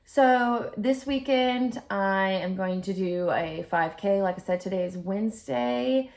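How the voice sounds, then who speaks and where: A woman with noticeable vocal fry talks casually to her vlog audience. She is chatty and a bit giggly, rambling along like a fitness instructor sharing updates. Her pitch sits in an average range for a woman. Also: measured pace, darkish tone. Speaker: fitness vlogger.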